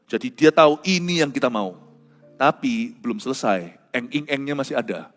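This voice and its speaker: A man's voice: mid-range voice, lively intonation, normal speed. Dramatic preacher man in reverberant hall. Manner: dramatic, swinging between hushed and shouted; mixes English phrases into his preaching. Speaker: pastor. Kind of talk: preaching sermon. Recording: reverberant hall with soft music behind.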